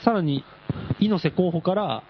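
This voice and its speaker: A man hosts a radio talk show and reads out a listener's letter in a deadpan, storytelling manner. His voice is husky and sits a little high, with lively swings in pitch. The studio sound is dull and lo-fi. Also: unhurried. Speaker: radio host. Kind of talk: reading a listener letter aloud.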